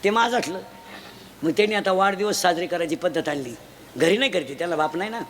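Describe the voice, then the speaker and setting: A man giving a comic kirtan sermon, teasing and shouting questions to children in the audience. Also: high voice, animated, quick pace. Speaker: kirtan preacher. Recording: noisy live event ambience.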